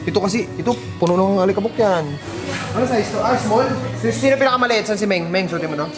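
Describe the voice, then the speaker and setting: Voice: mid-range voice, quick pace. A Filipino vlogger chatting casually, informal and full of exclamations. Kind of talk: casual vlog chat. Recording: vlog audio with loud music.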